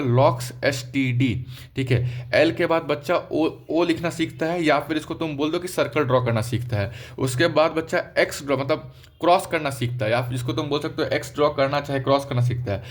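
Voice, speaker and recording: This young adult man is a medical lecturer whose voice sits a little high and moves briskly. He explains a lesson in a casual, conversational way, speaking directly to his students and frequently checking in with "ठीक है" ("okay").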